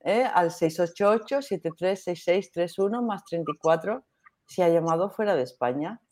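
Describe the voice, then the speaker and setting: A woman's voice: on the low side, animated, normal speed, warm tone. A woman co-hosting the show, chatting as she introduces a message and reads out the contact number. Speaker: co-host.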